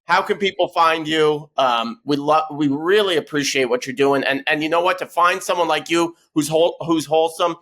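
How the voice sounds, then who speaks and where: A Canadian-born man hosts a podcast with a bright, forceful voice pitched a touch high. He teases his guests and restarts sentences as he goes. The tone is loose and chatty. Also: moderate pace, few pauses. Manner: teasing, stumbles and restarts. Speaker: podcast host. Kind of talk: casual chat.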